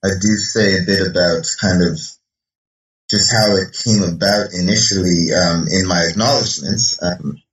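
A middle-aged Canadian philosophy professor answers interview questions hesitantly, with many fillers and restarts, in a low voice at normal speed. The recording is echoey and distant from the mic, with the highs cut off.

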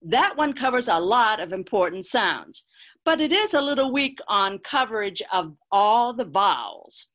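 A woman's voice: mid-range voice, very animated, unhurried, a bit bright. A woman playing a patient, mildly exasperated female vocal coach in a comedic radio sketch, hesitating with small fillers.

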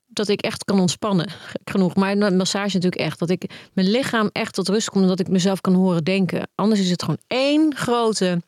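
A woman co-hosting a podcast in casual chat, talking in a quick, restless and blunt way. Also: medium pitch, darkish tone, dry recording, clean studio sound. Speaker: podcast co-host.

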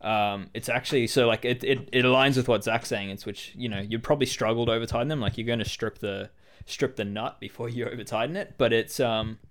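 A man's voice: mid-range voice, a little fast, a bit bright. A man co-hosting a podcast, chatting casually and thoughtfully, with lots of "um" fillers. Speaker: podcast co-host.

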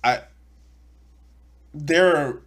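A man's voice: on the high side, extremely slow, fairly bright tone. A man, speaking bluntly and profanely with stammering restarts as he streams an off-the-cuff reaction.

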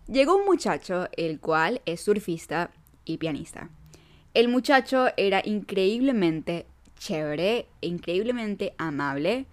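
A young woman telling a storytime to camera in an animated, self-mocking way. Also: medium pitch. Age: young adult. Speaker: vlogger.

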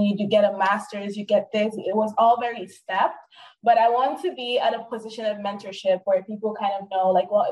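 A woman's voice: mid-range voice, a little mellow, recorded from a distance, poor audio. A woman in her twenties from Nigeria, a podcast guest who talks in an earnest, reflective way with many fillers. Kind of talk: casual interview.

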